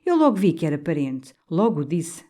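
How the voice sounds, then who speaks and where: A woman voicing a slow, gossipy elderly countrywoman with a small drawling voice and a Minho accent, in an audiobook. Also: low voice, sing-song, dark tone. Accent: Minho, northern Portugal.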